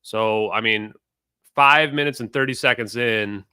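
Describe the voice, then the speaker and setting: A man hosting a casual reaction video, chatty and excitable, talking straight to his viewers. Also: on the low side, unhurried, clear, resonant tone, dry recording. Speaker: host reacting to a podcast.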